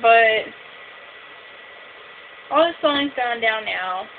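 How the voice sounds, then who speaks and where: Young female vlogger, high voice, tongue piercing, casual rambling delivery full of filler "like", tinny hissy audio. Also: expressive, slow. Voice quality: speaking with a fresh tongue piercing. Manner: rambling, frequent "like". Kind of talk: casual chatty video diary. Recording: hissy, noisy, phone-like narrow sound.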